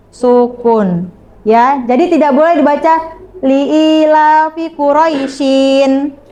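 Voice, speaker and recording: A young woman teaching a class, speaking slowly and patiently and checking often that the students follow. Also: high voice, darkish tone. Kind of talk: classroom lesson.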